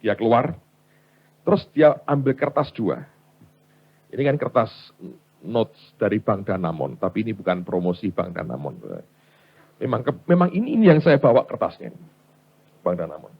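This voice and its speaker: A man's voice: on the low side, very animated, moderate pace, vocal fry, long pauses, husky, highs cut off. A man preaching a sermon, telling stories and acting out the people in them as he addresses the congregation. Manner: storytelling preacher, acts out quoted voices, addresses congregation as brothers. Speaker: pastor.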